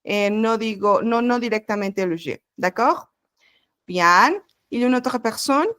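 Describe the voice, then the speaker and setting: A woman's voice: on the high side, a little slow, a bit bright, no echo, clean studio sound. A woman teaching an introductory French class online, explaining step by step in a patient way over a video call.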